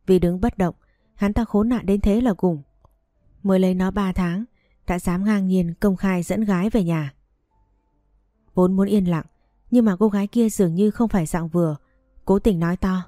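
A woman narrating a story in a steady, even reading voice. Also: medium pitch, moderate pace, long pauses, no echo, studio quality.

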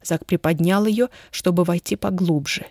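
A woman narrating a romance novel in a soft, steady reading voice. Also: fairly low pitch, normal speed, no room sound, clean studio sound. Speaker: audiobook narrator.

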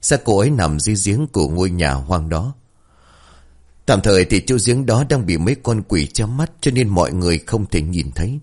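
A man voicing a polite, soft-spoken young man who helps at a village temple in a spoken story. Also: low voice, expressive, a little fast. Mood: earnest.

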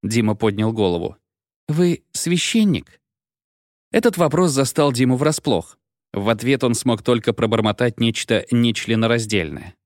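A man narrating an audiobook in an expressive storytelling manner, close to the mic. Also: medium pitch, moderate pace, dry recording. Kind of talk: scripted narration.

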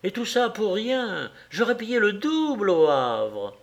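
A man's voice: high voice, lively intonation, unhurried, creaky, voice pushed up, exaggerated voice. Séverine, a man voicing an eager young wife. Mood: excited. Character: lively young wife, playful and excitable. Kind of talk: audiobook character reading.

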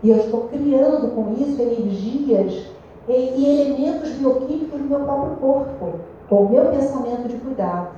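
A woman with a Brazilian Portuguese accent giving a lively spiritual talk to a meeting group, questioning her listeners. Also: sits high, moderate pace, a little hiss or hum. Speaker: speaker at a spiritist study meeting. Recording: echoey room, distant dull mic.

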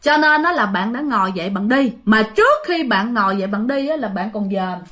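A woman with a Southern Vietnamese accent tells a ghost story in a chatty, casual way, turning to her listeners again and again. Her voice sits a little high and sounds bright and clear. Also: expressive, a little fast. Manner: chatty, addresses listeners directly with many fillers.

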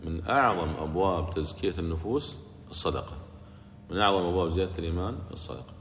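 A man with a very low voice teaches Quran commentary, slow and hesitant with long drawn-out fillers, now and then chanting a verse. He sounds like he is in a large hall or mosque, with long echo and a faint hum behind him. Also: animated, a bit bright. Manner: slips into rhythmic Quran recitation. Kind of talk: religious lesson with recited verses.

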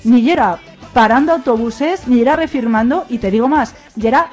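Aragonese woman, fairly high voice, rambling and emphatic panel guest, faint music under. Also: normal speed, darkish tone. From Aragón. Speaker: radio show guest. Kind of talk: casual roundtable chat.

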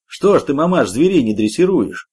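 A man's voice: fairly high pitch, sing-song, moderate pace, a little mellow, husky, pitched above the performer's own voice. A man voicing a brash, slangy young working man in an audiobook.

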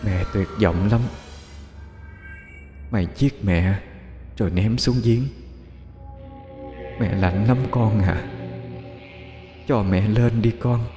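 A man's voice: fairly low pitch, takes it slowly, pauses often, dark tone, reverberant, big-room sound, faint music behind. A man voicing an elderly mother in a storytelling narration, who scolds with wailing curses. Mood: cold, mournful.

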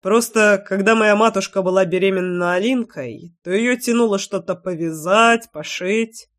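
A woman voicing a blunt, stubborn young village man in an audiobook, gruff and matter-of-fact, teasing at times. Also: medium pitch, moderate pace, lightly acted. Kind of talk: audiobook character voice.

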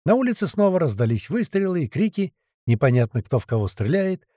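A man narrating a first-person audiobook in a blunt, swearing manner. His voice is mellow and animated, ranging widely in pitch. The recording is dry and close. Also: a little fast, dry recording. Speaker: audiobook reader.

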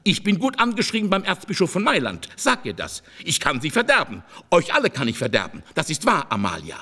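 A bitter aging seducer, read by a man, declaims with grim insistence. His voice swings widely in pitch and sits a little high for a man. The delivery suits a literary audiobook. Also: huge pitch swings, fairly quick, sharp tone, exaggerated voice. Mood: insistent. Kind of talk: audiobook character reading.

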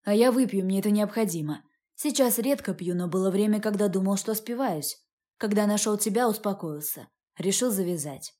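Woman voicing a cold bossy rich guy, short clipped lines, mellow tone, audiobook. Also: mid-range voice, normal speed, close to an everyday voice. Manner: curt and cold. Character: cold, domineering wealthy man.

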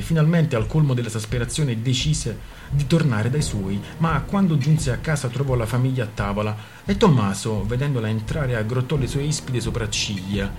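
A man narrating a novel aloud in a measured, unhurried way. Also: medium pitch, darkish tone. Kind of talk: audiobook reading.

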